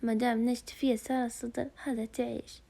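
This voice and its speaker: A lovesick young man, read by a woman, playful and affectionate in a storybook reading. The voice is gravelly, quick and mellow. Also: a little high, flat delivery. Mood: lovestruck. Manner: affectionate, teasing.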